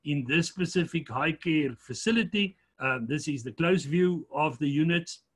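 Man, lecturer, husky, slightly high-pitched, talks through slides with fillers. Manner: measured, fairly quick, with frequent fillers.

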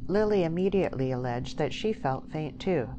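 Woman reading an audiobook, low voice, even pace, hiss behind. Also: moderate pace, dull audio. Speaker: audiobook narrator. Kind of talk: scripted novel narration. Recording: steady background hiss.

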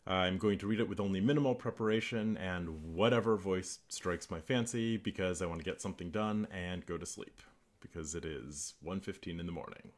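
A man with a deep announcer-style delivery who talks into his laptop microphone, then reads aloud as an amateur voice actor. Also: brisk. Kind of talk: self-recorded vlog and dramatic reading.

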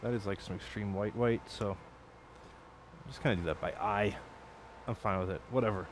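A man with a fairly low voice talks his way through a late-night build at his home workbench. He rambles, swears and corrects himself as he goes. A faint hiss sits under the recording. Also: moderate pace. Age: adult. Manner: rambling, profane, self-correcting. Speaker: electronics hobbyist streamer. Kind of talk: casual build commentary.

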